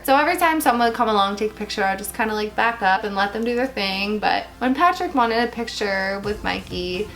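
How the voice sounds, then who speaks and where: A young woman talks to her viewers in a casual, chatty vlog style. Her voice has a marked creak and sits at an average pitch. She is expressive and gushing, leaning on key words, over faint music. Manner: casual swearing and slang. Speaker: YouTuber answering viewer questions.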